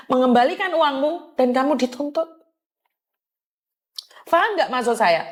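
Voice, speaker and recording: A woman, hosting her channel and answering a complaint in an earnest, repetitive way. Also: high-pitched. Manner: earnest, repetitive, mixes in Javanese phrases. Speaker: channel host. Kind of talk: talking to the camera, replying to a complaint.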